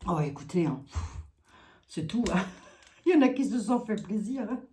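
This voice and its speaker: A woman's voice: medium pitch, lively intonation, moderate pace, mellow, a little hiss or hum. A woman psychic chatting casually and in a flustered way to her viewers, laughing often between sentences. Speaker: psychic reader. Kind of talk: casual chat to camera. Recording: echoey room.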